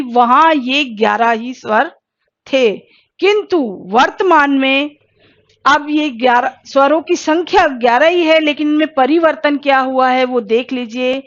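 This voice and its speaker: A woman teaching a Hindi exam-prep lesson, asking questions and then answering them herself, and sounding out each vowel slowly. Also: high voice, highs cut off. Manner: slow, careful pronunciation drills.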